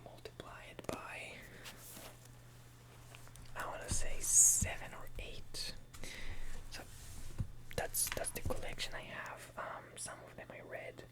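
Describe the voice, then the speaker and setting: A man who is a native Hebrew speaker whispers a casual, hesitant, unhurried ASMR chat in English. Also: rough recording. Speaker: ASMR video maker. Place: quiet room at home at night.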